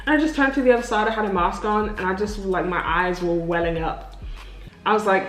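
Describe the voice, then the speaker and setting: A young woman talks frankly and casually, cursing now and then as she answers questions. Her voice sits mid-range and rings a little in an echoey room, with faint music underneath. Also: mid-range voice. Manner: candid and chatty, swears freely. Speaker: vlogger. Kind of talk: casual sit-down Q&A.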